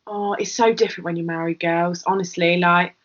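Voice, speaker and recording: A woman's voice: lowish voice, fairly even intonation, fairly quick. A young woman from England co-hosting a casual podcast, speaking affectionately and gushing, often searching for the right words. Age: young adult. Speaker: podcast co-host. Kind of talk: casual chat. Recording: muffled lo-fi podcast audio.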